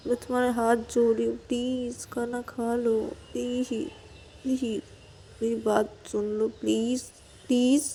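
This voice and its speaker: A woman's voice: high voice, dark tone, pitched above the performer's own voice, natural voice. A woman voicing a young woman who pleads with her lover to eat, repeating her words over and over.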